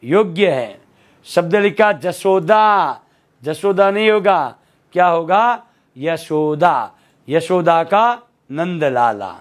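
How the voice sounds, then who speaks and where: Slow, high-voiced Hindi teacher man. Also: expressive. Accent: Rajasthani Hindi. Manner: asks questions and answers them himself, repeats words slowly. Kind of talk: classroom lesson, quizzing the viewer.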